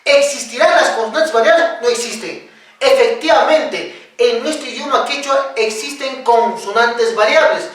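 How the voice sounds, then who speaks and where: A high-voiced woman teaches a language lesson at an unhurried pace, drawing out each syllable in slow drills and putting questions to the learner. She sounds far from the mic in a strongly echoing room.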